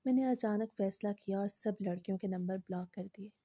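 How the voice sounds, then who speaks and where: A woman narrating a scripted first-person moral story in a measured, steady way. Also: mid-range voice, no room sound, clean studio sound.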